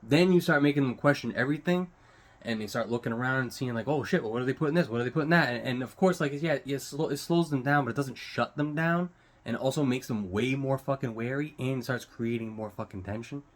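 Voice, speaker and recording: On his own online show, a medium-pitched man gives casual, off-the-cuff news commentary, halting and rambling as he hunts for the right words and swears casually.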